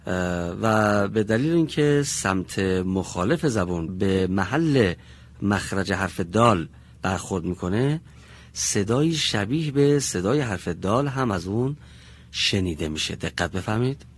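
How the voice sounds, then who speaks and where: In a classroom pronunciation lesson, a male teacher with a lowish, husky, expressive voice takes his time. He patiently and deliberately demonstrates every sound slowly for his pupils.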